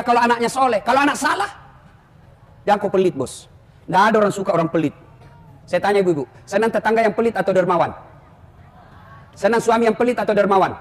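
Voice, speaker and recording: Fast high-voiced joking male preacher. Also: a bit bright. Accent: Ternate Malay. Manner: joking, addresses the audience directly. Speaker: Islamic preacher. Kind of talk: humorous sermon.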